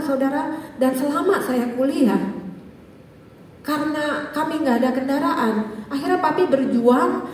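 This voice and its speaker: Woman, middle-aged, Jakarta accent, church testimony, lively storyteller, long hall reverb, distant from the mic. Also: high-pitched, slight background noise. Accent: Jakarta Indonesian. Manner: lively storytelling, often addressing listeners as brothers and sisters. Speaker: physician giving a church testimony. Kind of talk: personal testimony. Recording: echoey hall, voice from far off.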